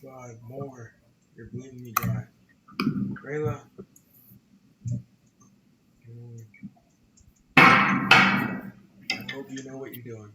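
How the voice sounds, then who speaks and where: Slow-talking man bantering at a game table. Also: mid-range voice, flat delivery, very noisy. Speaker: player. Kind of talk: casual tabletop play.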